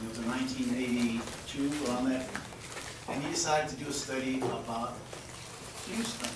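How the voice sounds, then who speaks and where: A man in his fifties from Texas, hosting and introducing a presentation to an audience in a friendly, joking way, sometimes repeating words. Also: mid-range voice. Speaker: event host and presenter. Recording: echoey hall from far off, with noise.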